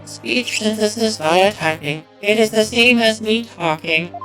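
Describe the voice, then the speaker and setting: A clipped, monotone male bomb disposal expert who speaks through a robotic voice filter, voiced by a woman. He drags each word out slowly and flatly, with no feeling at all. Faint music plays underneath. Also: medium pitch, rough recording. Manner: flat, clipped, emotionless monotone delivery. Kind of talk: game playthrough voicing.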